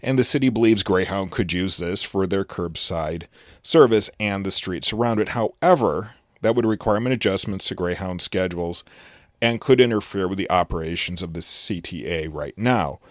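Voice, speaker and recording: A man's voice: low-pitched, normal speed, no room sound, studio quality. A man hosting a travel news podcast, talking casually with frequent fillers and restarts. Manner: chatty, loose delivery with frequent "uh" fillers and restarts. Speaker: podcast host.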